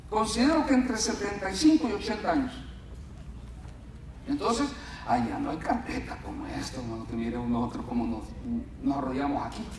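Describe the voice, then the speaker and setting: A Latin American pastor preaches a sermon in a church hall, telling stories in an animated way and often calling his listeners "brother." His voice sits high. The echoey hall mic catches slight background noise, and he is far from it and off-mic at times.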